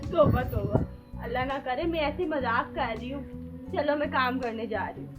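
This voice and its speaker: A woman from Pakistan, chatting and teasing jokingly in a casual home vlog. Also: high-pitched. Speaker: village life vlogger.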